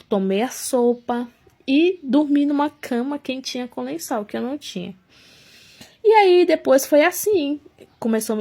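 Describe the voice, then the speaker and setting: A young woman telling her own life story, emotional and halting, often restarting her sentences. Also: on the high side, warm tone. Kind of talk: personal life testimony.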